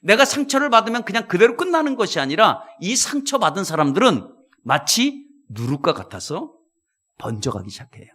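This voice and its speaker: A male pastor preaching a sermon in a church, telling stories with animated delivery and speaking directly to the congregation. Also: sits high, a little fast, breathy edge. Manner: animated storytelling, addresses congregation.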